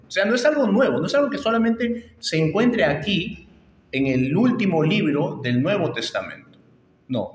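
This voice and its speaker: A middle-aged pastor preaches with emphasis, circling back on his phrases to drive each point home. His voice sits a little high for a man. It rings through a church hall with a long, roomy echo. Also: fairly bright tone. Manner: emphatic, repeats phrases and rises on key points. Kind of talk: expository sermon. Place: church sanctuary.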